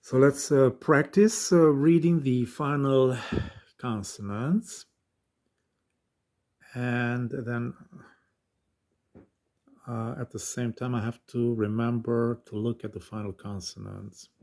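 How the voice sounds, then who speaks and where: A man giving an informal language lesson, thinking aloud haltingly as he reads out syllables and works through exercises. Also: medium pitch, steady tone, darkish tone.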